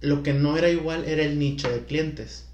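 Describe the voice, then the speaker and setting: A man's voice: on the high side, steady tone, normal speed, darkish tone. Man, co-host, easygoing explainer in a roomy echo. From Culiacán, Mexico. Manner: chatty, explanatory, laughs easily. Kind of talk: casual chat.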